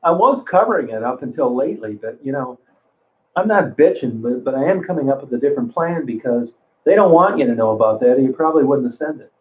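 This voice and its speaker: Expressive and quick, this medium-pitched voice belongs to a sixty-something livestream host going through his chat. He talks loosely and rambles, swears a lot and keeps starting sentences over, all through thin, phone-like sound.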